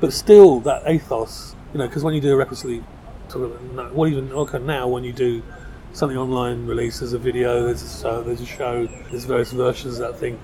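A man's voice: mid-range voice, level tone, brisk, mellow, a little hiss or hum, low-quality recording. A middle-aged man with a South London accent, talking in a casual, discursive, informal way as an interview guest. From South London, England. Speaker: podcast guest, designer. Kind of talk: casual pub interview chat. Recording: busy crowd chatter behind.

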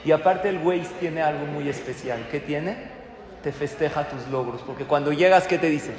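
A man giving a sermon as a rabbi, animated and joking, firing rhetorical questions at his audience. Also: fairly high pitch, moderate pace, crowd noise. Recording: echoey hall.

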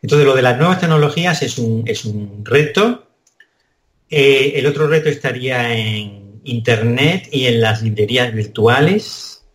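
A man's voice: mid-range voice, unhurried, fairly bright tone, echoey room. A man from Spain with a Spanish accent, a translation professor answering interview questions thoughtfully, with hesitant restarts. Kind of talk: conversational interview.

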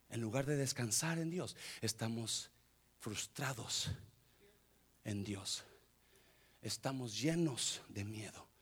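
A man preaching a sermon, calling on the congregation to answer him and swinging from hushed asides to loud shouting. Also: mid-range voice, breathy edge. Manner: calls out to the congregation for response.

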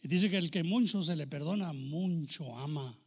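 A man preaching a sermon as pastor, swinging between loud exclamations and low asides. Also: normal speed, slightly rough.

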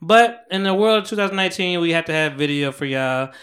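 A young man hosting a podcast in a small home studio, talking in loud, joking, slangy banter and laughing often. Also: fairly high pitch, expressive, fast talker. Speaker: podcast host. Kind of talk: casual chat.

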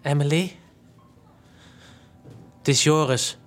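A man's voice: fairly high pitch, slow, a bit bright, faint music behind. An actor playing a lovesick, remorseful young man who talks in a pleading, confessional way in an audio drama. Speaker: main character.

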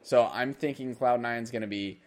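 Animated young man podcast co-host. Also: mid-range voice, normal speed. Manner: animated, joking, goofy put-on voices. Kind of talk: casual esports chat.

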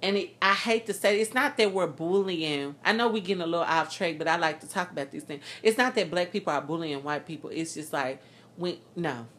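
A woman's voice: on the low side, fairly quick, a bit bright. A woman co-hosting a podcast, giving blunt, profane opinions in casual chat about music. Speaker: podcast co-host.

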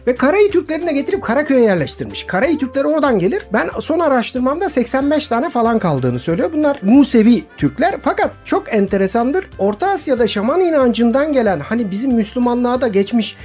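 A woman's voice: a little high, quick pace, hardly any pauses, soft background music. A woman from Istanbul, a touring cyclist, telling travel stories as a guest in a radio interview and speaking straight to her listeners. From Istanbul, Turkey. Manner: lively anecdotal storytelling, addressing listeners directly.

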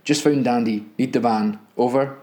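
A brisk young police constable on his dawn beat, as a man reading a crime novel puts him on. He speaks in a matter-of-fact, middle-range voice, clipped and practical. The style is an audiobook reading. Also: mid-range voice, fairly even intonation, warm tone, lightly acted.

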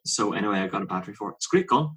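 A man in casual conversation as a podcast co-host, telling rambling stories and interrupting himself, his voice jumping up when he gets excited. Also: on the low side, racing, slightly rough, rough recording. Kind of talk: casual chat.

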